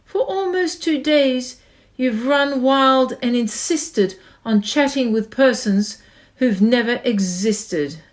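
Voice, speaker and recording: A woman voicing a scornful, bossy big kangaroo in a storybook, scolding in a haughty, snapping way. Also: on the high side.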